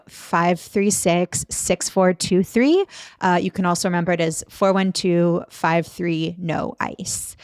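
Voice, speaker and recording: A woman hosting a local news podcast, reading out phone numbers slowly and clearly. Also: lowish voice, darkish tone, no room sound, clean studio sound. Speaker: podcast host and executive producer.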